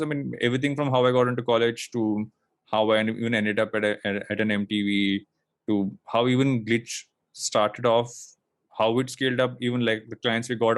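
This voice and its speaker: A podcast guest from India in his late thirties talks in a casual interview, reflective and rambling, full of fillers and restarts. His voice sits at medium pitch, and the recording has no room sound.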